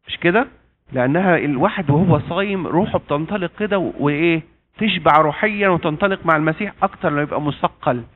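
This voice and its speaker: A man with an Egyptian Arabic accent preaching an interactive sermon, quizzing his congregation with half-finished questions and dropping joking asides. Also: a little high. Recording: tinny phone-like sound.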